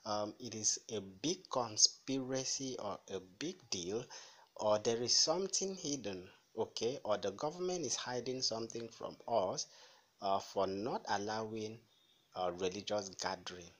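Nigerian male commentator, chatty, slightly low voice, checks in with listeners constantly. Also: measured pace, low-quality recording. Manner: chatty, frequent "okay?" tags and fillers. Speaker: news commentator. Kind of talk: casual commentary to viewers.

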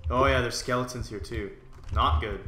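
A man's voice: mid-range voice, steady tone, normal speed, pushed and bright, roomy sound, soft background music. A man giving casual gameplay commentary, often muttering to himself as he plays. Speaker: gaming video host and player.

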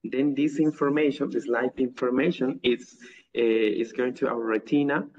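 A man's voice: medium pitch, steady tone, moderate pace, darkish tone. Man lecturing. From Ecuador. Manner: hesitant, many fillers and restarts. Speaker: guest lecturer. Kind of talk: online academic talk. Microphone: video call. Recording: distant, dull video call audio.

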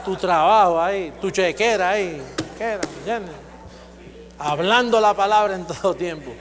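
A man preaching a sermon, exhorting his listeners and building to loud, repeated declarations. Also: high-pitched, normal speed. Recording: echoey hall with faint hum.

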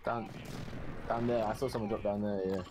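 A man making rapid game callouts. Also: on the low side, level tone, heavy background noise. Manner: quick callouts, repeats words under pressure. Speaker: gamer in a squad. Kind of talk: casual gaming voice chat.

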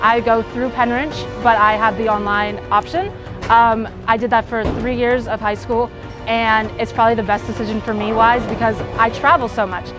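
With a fairly high pitch, level tone and moderate pace, a high school girl who bowls talks cheerfully and chattily about the sport, filler words scattered throughout. She's being interviewed at a bowling alley, and the low-quality recording has music underneath.

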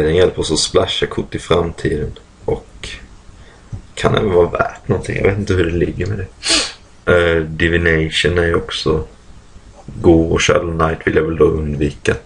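Very deep gravelly husky man. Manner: thinking aloud, many fillers, clears throat often. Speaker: card game player commentating a draft. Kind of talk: casual draft commentary.

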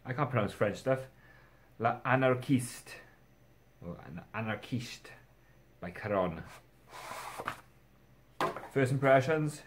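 A man's voice: medium pitch, a little hiss or hum. A young man chatting casually in a home vlog, rambling and self-deprecating, swearing now and then. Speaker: fragrance reviewer.

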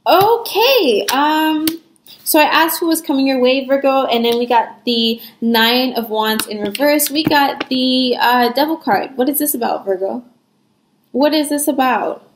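A woman's voice: sits high, unhurried, roomy sound, a little hiss or hum, poor audio. A young woman giving a casual tarot reading, talking frankly and reassuringly with lots of fillers. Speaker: tarot reader.

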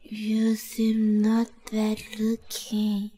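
An actress playing a feisty young heroine in a dubbed drama, talking slowly in a drowsy, petulant way. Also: female voice, sits high, expressive, dark tone, slightly rough, heavily acted.

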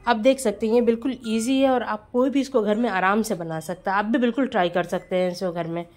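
A woman's voice: mid-range voice, a little fast, darkish tone. A woman home baker giving a casual voice-over tutorial on cake decorating, chatty and friendly, often calling her viewers friends.

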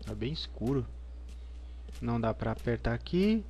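A man's voice: mid-range voice, big pitch swings, normal speed, warm tone, a little hiss or hum. Brazilian man, scared horror game streamer. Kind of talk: live gameplay commentary. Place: indoor room at home. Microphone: headset.

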